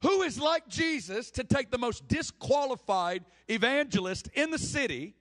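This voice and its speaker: A man preaches with fervor, his voice sitting high for a man. He acts out the people in the story as he tells it, swinging between speeches and quick asides. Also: lively intonation, a bit bright. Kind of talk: sermon.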